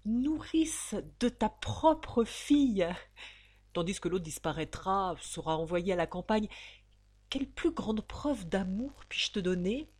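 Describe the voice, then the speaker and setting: A scheming count with an iron will, urging and insistent, his lines rising as he presses his case, as a woman reading the novel puts him on. The voice is husky and slightly breathy. It is read as a dramatic audiobook scene. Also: a little high, animated, measured pace, darkish tone, pitched above the performer's own voice. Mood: persuasive. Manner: urgent, insistent pleading. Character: scheming persuasive nobleman, a count, commanding.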